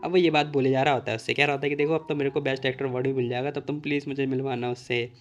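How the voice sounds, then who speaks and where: A man talks fast through a casual recap of a comic story. He quotes each character's lines himself without taking on a new voice. Faint instrumental music plays beneath him. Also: mid-range voice, flat delivery, dull audio. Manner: retells the plot, quoting the characters' lines in his own plain voice. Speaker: manhwa recap narrator.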